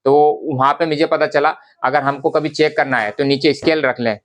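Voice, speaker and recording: Talking to viewers he calls brothers, a garment business vlogger casually explains fabric quality on camera and repeats himself often. His fairly high, fairly bright voice holds a steady tone at normal speed, and his manner is conversational.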